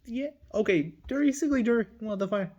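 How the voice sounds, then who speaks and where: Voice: medium pitch, quick pace, a little mellow, muffled recording. A fandom video creator talking off the cuff in a rambling, giggly way, correcting themselves often and breaking into laughter. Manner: rambling, giggly, lots of self-corrections and asides. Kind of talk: casual rambling commentary.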